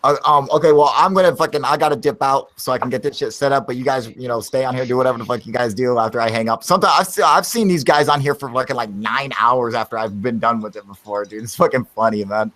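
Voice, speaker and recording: A man's voice: medium pitch, fast talker, hardly any pauses, a bit bright. A man hosting a livestream in casual, profane chat, laid-back and calling everyone dude. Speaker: livestream host.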